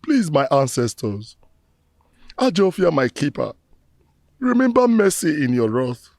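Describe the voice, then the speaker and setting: A man's voice: fairly high pitch, big pitch swings, unhurried, a little mellow, no room sound, studio quality. A man playing a remorseful middle-aged man who solemnly pleads with his ancestors in proverb-laden prayer.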